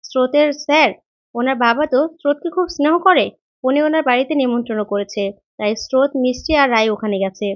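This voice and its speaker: A woman's voice: high-pitched, quick pace, natural voice. Woman voicing a firm middle-aged mother. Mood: explaining. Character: middle-aged mother, patient but irritated. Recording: dull, lo-fi recording.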